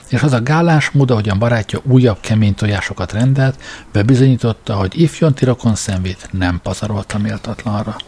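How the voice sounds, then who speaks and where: Man, audiobook narrator, low voice, husky, measured storytelling. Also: darkish tone.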